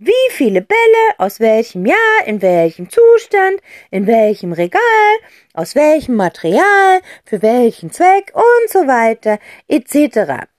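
A woman's voice: wildly swooping pitch, a little slow, a little mellow, no room sound, studio quality. A woman voicing a cheeky, exuberant eccentric aunt in an audiobook, bubbly and theatrical. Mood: gushing. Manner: bubbly and theatrical, with sudden high exclamations. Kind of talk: audiobook character voice.

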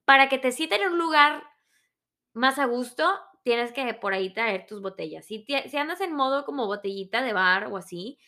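A woman around thirty with a Mexican Spanish accent, telling stories in a casual, animated, self-mocking monologue. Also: fairly high pitch, moderate pace. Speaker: vlogger.

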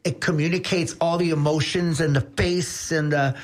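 A woman's voice: deep voice, steady tone, normal speed. A woman speaking like a campy drag queen in a casual radio interview, sassy and emphatic, repeating herself to drive points home. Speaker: drag performer and former pageant competitor, interview guest.

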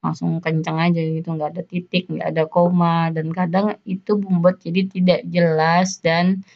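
A young woman with a Javanese Indonesian accent hosting a casual solo podcast, talking fast and rambling with a self-mocking tone and frequent laughter. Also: fairly low pitch, little pitch movement. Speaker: podcast host. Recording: slightly dull lo-fi sound.

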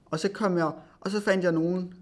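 En ung mand, der snakker afslappet og snakkesaligt som medvært i en podcast. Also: male voice, high voice, steady tone. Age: young adult. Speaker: podcast co-host. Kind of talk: casual chat.

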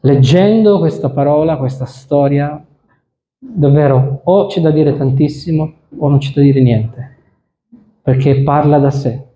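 A man preaching a sermon, first reading scripture slowly and solemnly, then preaching with rising emphasis. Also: fairly high pitch, dark tone. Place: church hall. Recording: echoey church hall.

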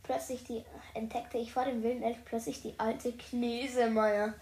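A woman reads a children's story aloud and keeps breaking off to chat with her viewers in slangy, playful asides. Her voice sits a bit high with a gravelly edge. The room adds a noticeable echo. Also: flat delivery, normal speed, darkish tone. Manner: chatty, addresses viewers as "Leute", youthful slang. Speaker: streamer reading a book aloud. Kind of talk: casual reading aloud with chatty commentary. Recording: roomy echo.

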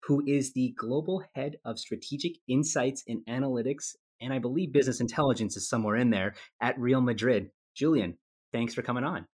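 A podcast host introduces his guest in a chatty, easygoing way, full of fillers and restarts. His medium-pitched voice is a little fast, darkish, and edged with breath.

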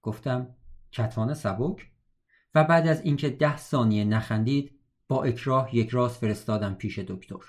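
A man reading a novel aloud in a steady, reflective way, now and then breaking off for wry casual comments. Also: medium pitch. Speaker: audiobook reader.

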